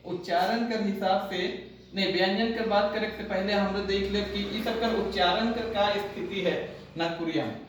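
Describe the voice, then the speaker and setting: A man's voice: high-pitched, steady tone, normal speed, distant mic, a little hiss or hum. A man with a Nagpuri accent teaching an exam-prep lesson, explaining step by step, repeating lists and asking if the class understood. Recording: echoey room, voice from off-mic.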